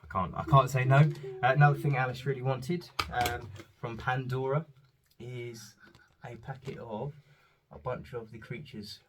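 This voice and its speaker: A man talks through his holiday purchases in a loose, rambling way, filling pauses with ums. His voice sits at an ordinary middle pitch. A faint hiss of noise runs under the home recording. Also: little pitch movement. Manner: chatty, rambling, frequent ums. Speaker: father showing holiday purchases. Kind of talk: casual haul vlog.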